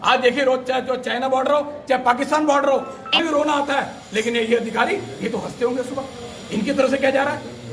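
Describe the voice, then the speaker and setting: A man's voice: very high-pitched, steady tone, fast talker, fairly bright tone, soft background music. A man giving a fiery, accusing protest statement to reporters outdoors, firing off rhetorical questions into a reporter's mic. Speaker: protesting political worker.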